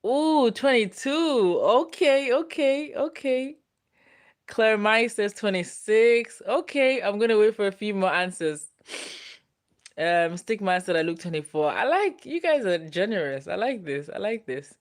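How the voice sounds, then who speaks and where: A woman in her 20s from Ghana runs a casual livestream, reading viewer comments aloud with playful teasing and frequent laughs. Her medium-pitched voice has lively intonation and an unhurried pace.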